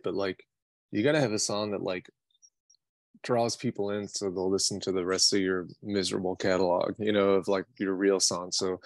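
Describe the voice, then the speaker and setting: A singer-songwriter from New York City chats loosely in an interview, rambling, slangy and quick to poke fun at himself. His voice is lowish and the recording is dry.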